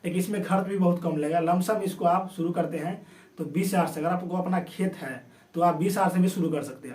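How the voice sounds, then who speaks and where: A high-voiced man hosts a video, explaining things informally through a sore throat, often repeating and rephrasing his points. His voice is a little mellow, and he sits back from the microphone in a roomy, echoey space.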